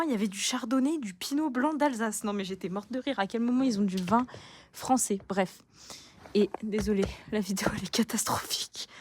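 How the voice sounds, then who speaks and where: A young woman from France chatting casually into her phone in a slangy, animated vlog, laughing often. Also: mid-range voice, slight background noise. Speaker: vlogger.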